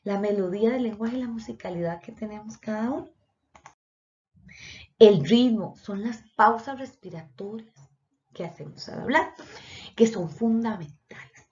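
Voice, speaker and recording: A woman teaching a voice lesson, speaking straight to her students as she explains each point. Her voice sits at a middle pitch and comes through a dull, lo-fi recording. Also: a little slow, long pauses, darkish tone. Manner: explanatory, addresses students directly. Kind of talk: online voice lesson.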